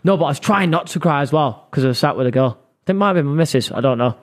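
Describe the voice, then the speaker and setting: A man's voice: fairly high pitch, animated, rapid-fire. A man hosting a casual podcast chat. He swears freely, laughs often and keeps up a teasing banter with his guest. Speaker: podcast host and studio boss.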